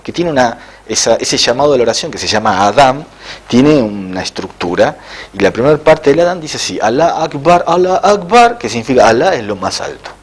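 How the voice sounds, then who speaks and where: A middle-aged man, an interviewed author, telling a spiritual story in a halting way with frequent "eh" fillers. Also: medium pitch, expressive, breathy edge.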